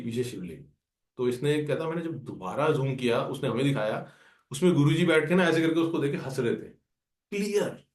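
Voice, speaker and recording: A man's voice: medium pitch, darkish tone. A man at a gathering, telling a story about his own experience in a casual way and voicing the dialogue of the people in it. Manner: conversational, acts out dialogue with friends. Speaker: devotee sharing a personal experience. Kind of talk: storytelling testimony. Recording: roomy echo.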